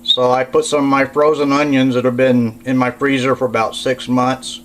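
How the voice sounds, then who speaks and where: A man's voice: mid-range voice, level tone, moderate pace, a little hiss or hum, low-quality recording. A man doing a casual home cooking demonstration in his kitchen, plainspoken and correcting himself as he goes.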